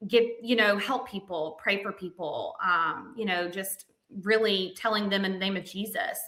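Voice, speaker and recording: A woman in her thirties from Alabama with a Southern accent, telling stories as a podcast guest in an animated way, laughing often. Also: medium pitch, reverberant, rough recording. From Montgomery, Alabama. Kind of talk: casual interview chat.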